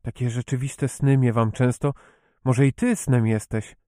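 A man reading the lines of a sickly, fretful young boy in a hushed, wary way. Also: medium pitch, steady tone, a little slow, dry recording, studio quality, natural voice. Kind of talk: audiobook character reading.

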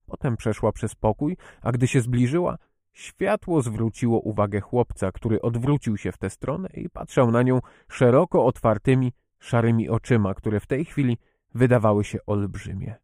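A man narrating a classic children's novel in a slow, measured storytelling manner. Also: medium pitch, warm tone, no room sound, clean studio sound. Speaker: audiobook narrator. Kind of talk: scripted narration.

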